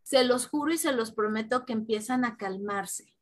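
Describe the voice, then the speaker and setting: A woman's voice: fairly high pitch, moderate pace. A woman, co-hosting a casual spiritual podcast chat and earnestly chanting repeated affirmations. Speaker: podcast co-host.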